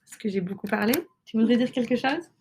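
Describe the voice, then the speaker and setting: A woman's voice: on the high side, fast, darkish tone, slight background noise. A woman, hosting and explaining casually to listeners with frequent hesitations and fillers. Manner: hesitant, many fillers and restarts. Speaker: podcast host and mother.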